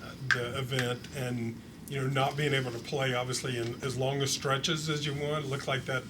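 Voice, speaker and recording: Flat-voiced reporter under heavy noise. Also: male voice, medium pitch, normal speed. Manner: long, hedging question full of fillers. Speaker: sports reporter. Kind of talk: asking press conference questions.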